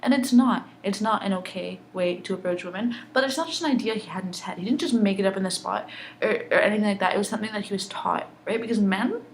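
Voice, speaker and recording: A woman's voice: mid-range voice, fast talker, low-quality recording. Young woman, angry personal vlog rant, mid-range voice, slight background noise. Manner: angry, intense, heavy swearing. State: upset.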